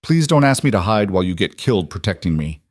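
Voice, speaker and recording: A man's voice: sits low, big pitch swings, fast, dry recording, clean studio sound. A man doing a frightened, pleading young woman. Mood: desperate. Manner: pleading and desperate.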